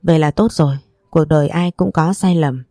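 A woman voicing an aging, forgiving father who speaks gently and consolingly. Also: low-pitched, normal speed, no room sound, studio quality, faint music behind.

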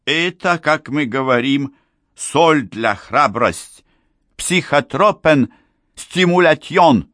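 Hoarse old man, broken grammar, voice set high; a male narrator puts him on. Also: expressive, slow pace, a bit bright, dry recording, clean studio sound. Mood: pleading confession.

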